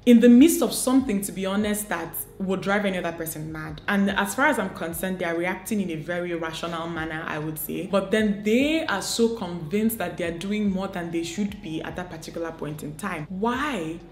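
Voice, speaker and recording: Woman vlogger, lowish voice, earnest self-help coaching full of questions, echoey room with faint music. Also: brisk, few pauses, a little mellow. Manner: earnest, coaching, asks many rhetorical questions. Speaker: beauty and lifestyle vlogger. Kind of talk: motivational talk to camera.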